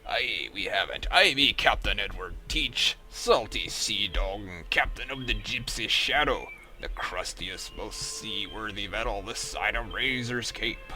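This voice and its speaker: A man's voice: on the low side, expressive, measured pace, over music. A man voicing a crusty, salty male pirate ship captain in a silly put-on pirate accent, reading game dialogue. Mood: gruff hearty.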